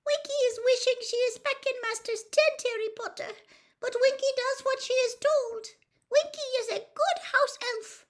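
A woman voicing a timid, devoted little female house elf servant in an audiobook, with a squeaky, quivering voice and servile, anxious manner. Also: normal speed. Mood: fearful obedience. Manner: servile, scolding, ungrammatical deference.

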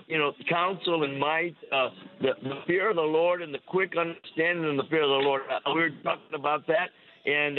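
Man, caller, breaking-up cell phone call, tinny narrow line, halting and rambling speech, slightly high voice. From Missouri. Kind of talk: call-in chat on a religious show.

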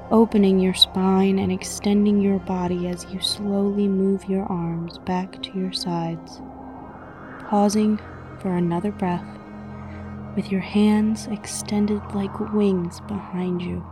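A woman narrates a scripted guided meditation over music, soothing and measured with frequent pauses. Her mid-range voice is soft and breathy, often dropping close to a whisper.

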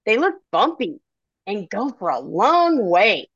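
A woman reading the lines of a calm, reassuring young man in her own voice. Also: medium pitch, takes it slowly, husky, dry recording, lo-fi sound, exaggerated voice.

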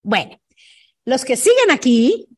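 A woman's voice: high voice, sing-song, slow, breathy edge. A Mexican woman hosting a casual coaching podcast, chatty and digressive, acting out sales conversations. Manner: chatty, digressive, role-plays sales dialogues. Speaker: podcast host.

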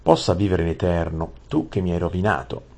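A man voicing a hot-tempered young prince who shouts and rants. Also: deep voice, sing-song, brisk, gravelly, exaggerated voice. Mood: furious. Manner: shouting, ranting.

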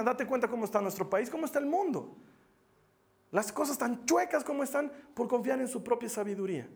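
A man preaching a sermon to a congregation. He is emphatic, repeats key phrases and asks rhetorical questions. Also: high voice.

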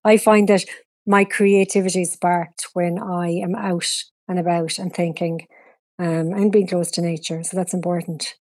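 A woman's voice: on the low side, little pitch movement, normal speed, darkish tone, no echo, studio quality. A middle-aged woman with a west of Ireland, Galway accent, chatting and explaining as she answers interview questions. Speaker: interview guest, TV producer and presenter.

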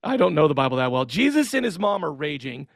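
A man's voice: on the high side, sing-song, fast talker, creaky, dry recording, clean studio sound. A man hosting a podcast, introducing segments in a wry, casual tone and tossing questions to his co-host. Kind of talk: casual commentary on sermons.

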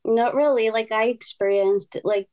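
A Japanese woman in her twenties, a guest on a casual podcast interview, speaks English with a Japanese accent. Her voice is on the high side and a little slow, with a darkish tone. She sounds hesitant, as if searching for words.

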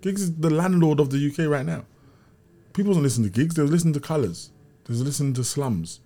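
A man's voice: fairly high pitch, fast, warm tone, faint music behind. A man with a South London accent telling stories casually as an interview guest, using street slang and often checking that he is understood. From Brixton, south London. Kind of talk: casual conversational storytelling.

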